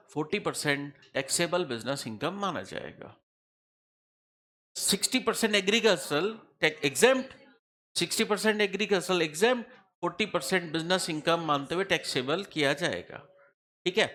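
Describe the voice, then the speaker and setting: A middle-aged man with a high-pitched, sharp voice gives a classroom lecture on tax law. He repeats key figures and quizzes his students with questions.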